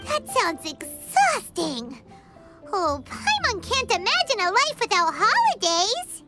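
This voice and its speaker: Picture a tiny, chirpy floating fairy with a squeaky, very high, childlike voice that leaps around a lot. She talks slowly and bubbly. Loud game music plays under her. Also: huge pitch swings, exaggerated voice. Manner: bubbly, refers to herself by name. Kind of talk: game voice acting. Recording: studio voice with loud background music.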